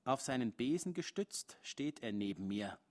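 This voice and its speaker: A man reading a translated story aloud at a live literary event, keeping the rhythm restrained and measured. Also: medium pitch, very animated, darkish tone. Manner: restrained, measured reading with rising intensity in dialogue.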